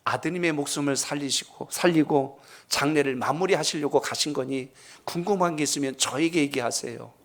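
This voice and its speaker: A man acting out a female nurse who explains quietly and seriously. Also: on the high side, normal speed.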